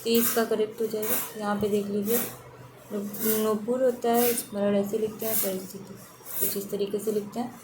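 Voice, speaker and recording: A woman's voice: mid-range voice, little pitch movement, moderate pace, noisy background. A woman teaching an online exam-prep lesson, steadily repeating which spellings are correct and which are wrong.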